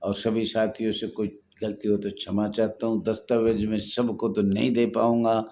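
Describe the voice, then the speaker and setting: A man's voice: on the low side, flat delivery, normal speed, gravelly, warm tone, slight background noise. A man leading a home guard association, talking earnestly and repetitively to supporters in a live online talk over his phone.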